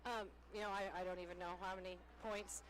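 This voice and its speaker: A woman's voice: medium pitch, fairly even intonation, brisk. Winded woman coach in a noisy gym. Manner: candid, upbeat, rambling with many fillers. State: slightly out of breath. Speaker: head basketball coach. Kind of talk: postgame interview. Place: high school gym after a game.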